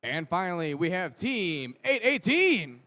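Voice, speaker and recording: Animated high-voiced male event announcer. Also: measured pace, a little hiss or hum. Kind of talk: scripted live team introductions.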